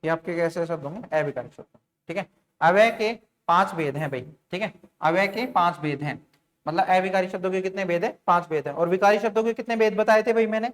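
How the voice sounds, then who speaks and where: Talking a little fast in a high voice, this man runs an online grammar class, breaking things down step by step. He frequently puts questions to his students and leans on fillers such as "theek hai" and "bhai."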